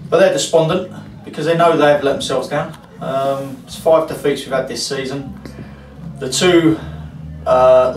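A man, a football manager giving a frank post-match interview, rambling with many fillers. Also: mid-range voice. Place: club interview room, indoors. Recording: roomy echo, distant mic, faint hiss.

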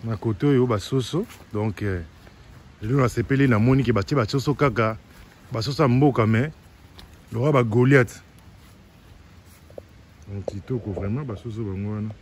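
A man's voice: medium pitch, normal speed, pauses often, a little mellow, slight background noise. A man with a Congolese accent giving an enthusiastic walking tour of a tourist site, switching between Lingala and French. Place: outdoors in a leafy park with animal sounds.

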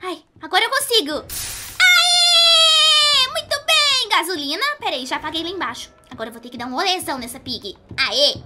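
Pinkie Pie, a woman squeaking as a bubbly pony. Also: lively intonation, quick pace, hardly any pauses, heavy background noise. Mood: excitable. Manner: squealy, exclamatory, giggly. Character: bubbly, excitable young female cartoon pony. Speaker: gaming youtuber. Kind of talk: gameplay commentary in character. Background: game music playing clearly.

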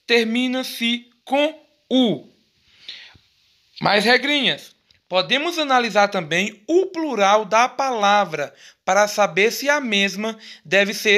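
A man's voice: sits high, pushed and bright. A Brazilian man teaching a grammar lesson to young schoolchildren, patient and affectionate, explaining step by step. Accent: Brazilian Portuguese. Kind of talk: recorded grammar lesson for children.

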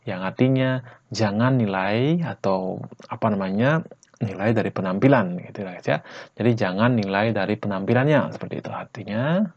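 A man from Bali teaching Japanese slang in a casual lesson, saying each phrase slowly and then at normal speed, and tagging lines with a chatty "guys, ya". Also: lowish voice, lo-fi sound. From Bali, Indonesia. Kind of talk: casual vlog-style lesson.

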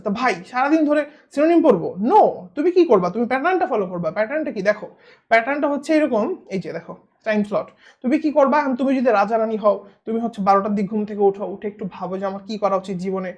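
A man's voice: very high voice, expressive, very fast. A man, giving a casual, blunt video lecture as an admission test tutor, teasing and often asking "right?".

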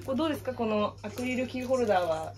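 A woman's voice: a little high, expressive, very fast, a little mellow. A young woman chatting as an interviewer, polite and attentive, in a casual conversational style. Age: young adult. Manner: polite, with frequent attentive responses. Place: small Japanese living room, indoors, seated at a table.

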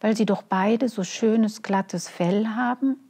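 A woman's voice: medium pitch, takes it slowly, dark tone, slightly rough, voice pushed up. A woman reading a children's picture book, voicing a sulky, worried male hedgehog. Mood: worried, brooding.

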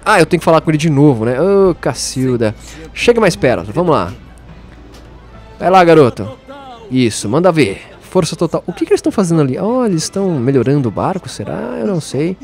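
A man's voice: a little high, very animated, brisk, darkish tone, soft background music. A man giving casual gameplay commentary, playfully taunting enemies and laughing often. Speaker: let's play host.

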